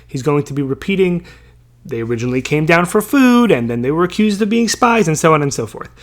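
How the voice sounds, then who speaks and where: Male Bible teacher, slightly high voice, casual and talky, slow verse readings, lots of checking questions. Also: sing-song. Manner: chatty, many fillers and checking questions; reads verses slowly, then translates.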